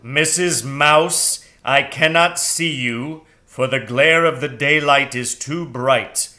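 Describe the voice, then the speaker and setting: A man voicing a grave, imperious owl in a storybook, with a deep, round, sonorous voice and formal, deliberate speech. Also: bright, forceful tone. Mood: measured, formal.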